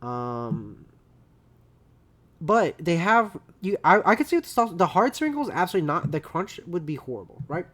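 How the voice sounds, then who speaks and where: A man co-hosting a casual podcast chat who rants loudly, swears and jokes around. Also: fairly high pitch, big pitch swings, moderate pace. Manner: loud, joking, profane rants with mock voices. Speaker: podcast co-host.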